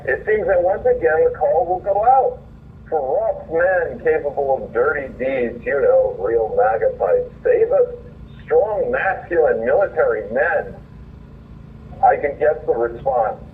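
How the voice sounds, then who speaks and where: Fairly high-pitched and expressive, a man calls in a little slowly to give his earnest, indignant opinion. He reads his written opinion piece aloud before adding casual remarks, all over a muffled, distant phone line with faint noise.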